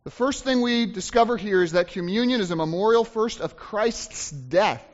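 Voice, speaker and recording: A high-pitched male pastor delivers an emphatic sermon, hammering home key phrases by repeating them. His voice rings out through a long hall reverb in a church sanctuary. The recording itself sounds dull and muffled. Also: lively intonation, normal speed.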